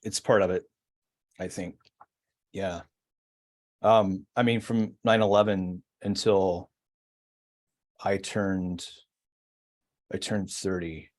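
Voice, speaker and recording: A man's voice: sits low, fairly even intonation, slow, long pauses, darkish tone. A man in his forties, a podcast guest, telling his story in a reflective, hesitant way with many fillers. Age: 40s. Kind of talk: casual storytelling.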